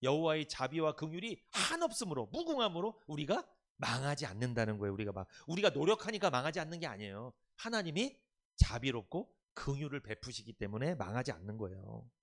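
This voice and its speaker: A man's voice: mid-range voice, big pitch swings, brisk. A male pastor giving an emphatic sermon, often putting questions to the congregation and having them repeat phrases. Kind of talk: Sunday afternoon sermon.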